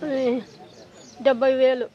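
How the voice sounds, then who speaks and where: A woman's voice: high voice, little pitch movement, measured pace. An older woman, a resident, pleading and complaining about her water bill. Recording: dull lo-fi sound.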